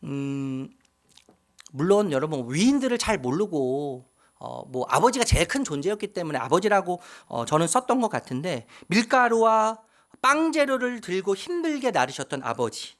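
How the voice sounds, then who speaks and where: A male pastor preaches a Sunday sermon with a very expressive, animated pitch that rises and falls widely. He speaks straight to the congregation, asks them questions and repeats key words for emphasis. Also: normal speed.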